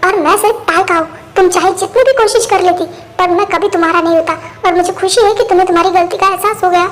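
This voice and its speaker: A woman's voice: extremely high pitch, steady tone, quick pace. A woman voicing a stern young man who scolds firmly, in a fan-dubbed drama. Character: stern young man, loyal to his partner. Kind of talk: Hindi fan-dub voice acting.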